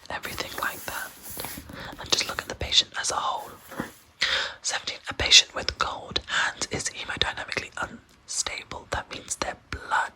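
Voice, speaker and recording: Someone reading aloud for ASMR in a breathy, unvoiced whisper, softly repeating words and phrases and adding casual asides. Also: low-quality recording. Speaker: ASMR host reading a medical handbook aloud.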